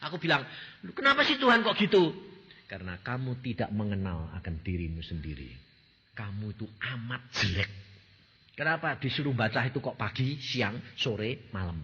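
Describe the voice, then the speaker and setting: A man with a Javanese accent preaching a sermon as a pastor, animated and firing questions at the congregation. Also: fairly low pitch, moderate pace, husky, big-room sound, lo-fi sound.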